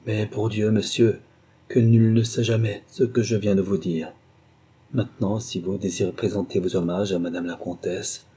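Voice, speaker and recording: A man voicing a loyal middle-aged male valet who speaks in an earnest, measured way. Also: on the low side, level tone, warm tone, slightly rough. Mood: grave.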